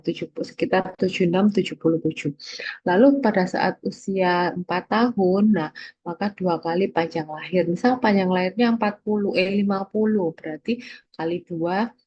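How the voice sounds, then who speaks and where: Woman, lecturer, low husky voice, patient step-by-step explaining, dry muffled recording. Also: no room sound. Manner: explains step by step, checks in with frequent "ya".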